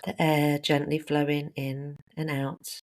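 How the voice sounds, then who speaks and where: A meditation instructor guides a breathing practice in a very even, mid-pitched voice. The delivery is calm and unhurried, laid out in short, spaced phrases.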